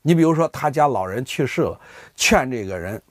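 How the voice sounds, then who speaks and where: A man with a medium-pitched, brisk voice, recorded dry and clean in a studio. He's a vlogger casually explaining dialect words to camera for his viewers, animated and often voicing everyday speakers as he acts out examples.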